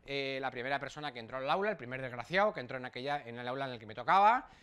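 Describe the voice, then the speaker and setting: A man with a Spain Spanish accent giving a humorous pep talk to exam students as their tutor, lively and casual, with jokey swearing. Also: mid-range voice, rapid-fire, smooth.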